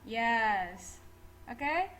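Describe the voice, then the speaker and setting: A woman with a fairly high voice teaches a class, switching between Indonesian and English. She drills verb forms and pronunciation and laughs lightly along the way. A faint hiss sits behind her. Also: big pitch swings, very slow, fairly bright tone, rough recording. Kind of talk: classroom lecture.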